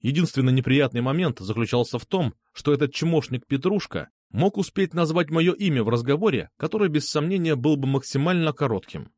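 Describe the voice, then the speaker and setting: A man's voice: on the high side, lively intonation, fairly quick, hardly any pauses, darkish tone, no room sound. A man narrating a first-person audiobook with sardonic, coarse humor.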